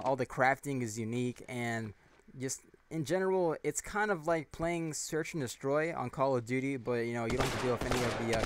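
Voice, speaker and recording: A young man rambling casually over his gameplay as a gaming YouTuber, self-deprecating and excitable. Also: medium pitch. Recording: noisy with game gunfire. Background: game gunshots and clicks.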